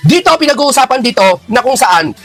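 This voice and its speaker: High voiced guy ranting fast about politics, lots of "ha?", music faint underneath. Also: very animated. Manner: indignant, rhetorical questions, bursts of shouting. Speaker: political commentator. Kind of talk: heated political reaction talk.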